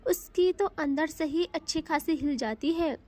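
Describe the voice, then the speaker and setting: A woman's voice: sits high, a little slow, a little mellow. A woman storyteller narrating a romantic audio story in a chatty way, with conversational asides.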